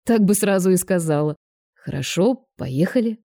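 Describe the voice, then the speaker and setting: A woman's voice: lowish voice, animated, moderate pace, dark tone, no echo, clean studio sound. A woman voicing a cocky, teasing young male television presenter in an audiobook. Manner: smug, mocking.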